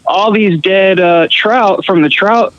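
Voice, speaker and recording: Casting: man from Costa Rica, slightly high voice, easygoing rambling storyteller on a podcast call. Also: slow pace, lo-fi sound. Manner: relaxed storytelling with fillers and restarts. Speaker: guest musician. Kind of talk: casual phone chat.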